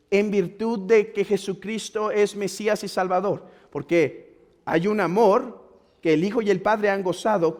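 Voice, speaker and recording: Earnest Mexican preacher, high voice, reverb. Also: male voice. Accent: Mexican Spanish. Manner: earnest, exhorting, swings from loud urging to quiet pleading. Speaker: pastor. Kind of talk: sermon. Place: church hall. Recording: long church reverb.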